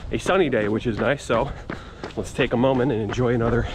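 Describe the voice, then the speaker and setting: A man's voice: medium pitch, fast, background noise. A young man talking casually to the camera as a running vlogger, chatty and self-deprecating. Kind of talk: casual vlog chat.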